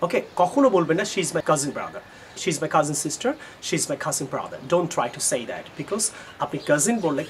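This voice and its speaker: A man's voice: fairly high pitch, a bit bright, a little hiss or hum. Man teaching English grammar. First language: Bengali. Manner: switches between explanation and slow, carefully spaced example sentences; poses students' questions and answers them himself. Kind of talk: spoken English lesson.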